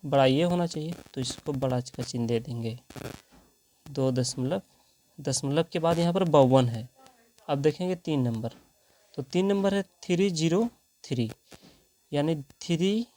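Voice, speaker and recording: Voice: medium pitch, a little mellow. A math teacher, working through problems step by step and asking rhetorical questions along the way.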